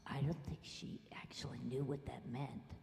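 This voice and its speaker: A woman's voice: very deep voice, little pitch movement, moderate pace, creaky, whispered, in a large hall. Wry woman telling stories on a club stage. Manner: self-deprecating, wry, with hushed asides. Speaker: singer-songwriter performer. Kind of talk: autobiographical storytelling in a live musical revue.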